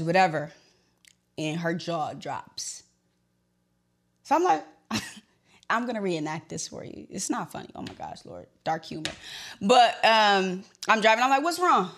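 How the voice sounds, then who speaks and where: A young woman telling a personal story to the camera, emotional, her voice getting shaky and swinging between loud and hushed. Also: fairly low pitch.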